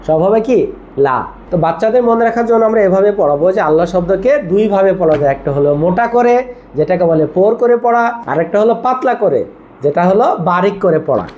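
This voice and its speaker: A man's voice: high voice, lively intonation, fairly quick, darkish tone, lo-fi sound, slight background noise. A man teaching a Quran reading lesson, spelling out letters and asking and answering his own questions as he drills each word. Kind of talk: step-by-step recitation lesson.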